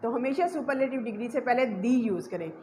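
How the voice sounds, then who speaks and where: Woman teacher going over grammar rules, high voice, echoey room, bit of hiss behind her. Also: lively intonation, a little fast, mellow. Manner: repeats points and asks questions to the class. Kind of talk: explaining a grammar lesson to students. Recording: echoey room with faint background noise.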